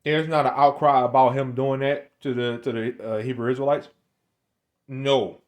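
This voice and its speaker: A man's voice: medium pitch, fairly even intonation, moderate pace. A man in his twenties giving a casual, rambling monologue, often stammering and repeating words, with street slang. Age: 20s. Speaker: online commentator.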